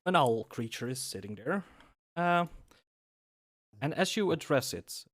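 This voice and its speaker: A man narrating a tabletop game as game master, pausing often with fillers. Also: on the high side, very animated. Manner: measured, with frequent pauses and fillers.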